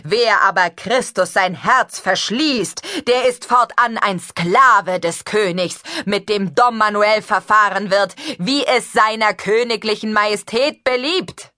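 A woman reading an audiobook voices a stern male Dominican monk, proclaiming loudly and slowly. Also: mid-range voice, dry recording, studio quality, voice pushed up. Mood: commanding. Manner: loud, slow, proclaiming.

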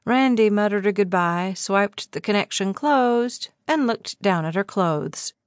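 A woman narrating an audiobook novel in a measured, steady storytelling voice. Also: mid-range voice, no room sound. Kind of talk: scripted narration. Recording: dry close studio sound.

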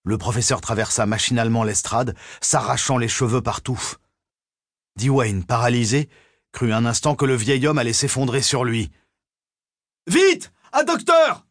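A man narrating a thriller audiobook in a measured, suspenseful reading. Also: medium pitch, dry recording, clean studio sound.

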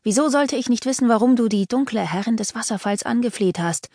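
A woman voicing a hooded male leper lord who taunts in a high, eerie singsong, in an audiobook reading. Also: a little fast, warm tone, dry recording, studio quality. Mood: menacing. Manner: taunting, knowing.

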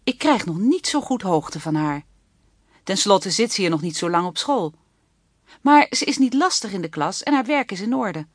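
A woman's voice: mid-range voice, no echo, studio quality. A woman reading an audiobook, voicing a female schoolteacher who speaks politely but curtly at a parents' evening. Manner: polite but curt, matter-of-fact. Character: a brisk, formal female schoolteacher.

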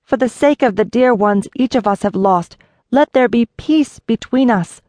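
A woman's voice: a little high, moderate pace, dry recording, studio quality, pitched above the performer's own voice, lightly acted. Woman voicing a commanding Fey queen. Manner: urgent, raised and commanding.

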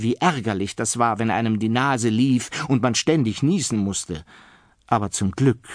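A man reading a children's storybook aloud in a playful, lively way. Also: medium pitch, no room sound, clean studio sound. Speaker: audiobook narrator.

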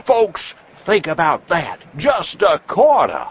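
A man voicing a bombastic, folksy traveling medicine-show pitchman in an audiobook, hard-selling to a crowd in a declamatory way. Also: wildly swooping pitch, slow pace, slightly rough, lo-fi sound, exaggerated voice. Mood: booming, urging. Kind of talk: audiobook character acting.

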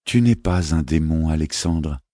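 A man voicing a queenly mother who speaks gently and reassuringly, with a fierce edge underneath. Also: extremely low pitch, lively intonation, unhurried, dry recording, clean studio sound. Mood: tender. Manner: gentle, reassuring, flaring sharply.

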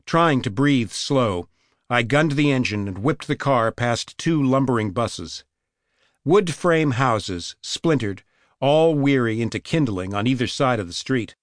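A male audiobook narrator tells the story in the first person, with expressive, lively pitch movement. The recording is dry and close, with no room sound. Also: no room sound.

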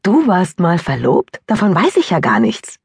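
A woman's voice: lowish voice, huge pitch swings, moderate pace, vocal fry, darkish tone, slightly rough, no echo, clean studio sound, pitched above the performer's own voice, exaggerated voice. A woman narrator voicing a curious young female friend in an audiobook, asking eager, prying questions. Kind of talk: audiobook character voice.

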